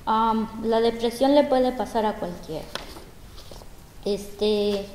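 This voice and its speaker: Casting: calm woman from Mexico, mellow voice, faint noise, hall echo. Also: on the high side, slow. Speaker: panel guest. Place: large school gym.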